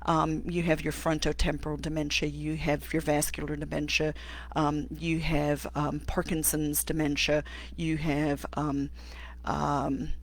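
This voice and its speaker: A middle-aged woman from Africa, an occupational therapist hosting a live stream and answering viewer questions, thinking aloud with many pauses and restarts. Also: low-pitched, little pitch movement. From South Africa. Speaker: host.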